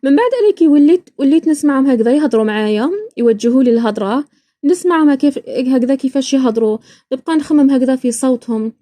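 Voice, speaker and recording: A woman's voice: sits high, fast talker, mellow, no room sound. A woman from Iraq hosting a podcast, talking casually and chattily, often breaking off and restarting her words. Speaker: podcast host. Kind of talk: casual spoken monologue.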